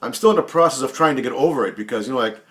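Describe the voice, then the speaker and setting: A YouTube watch channel host in his late forties answers another vlogger's questions very fast, his mid-range voice animated and a bit bright. He's casual, blunt, heavily profane and taunting, and often repeats himself for emphasis.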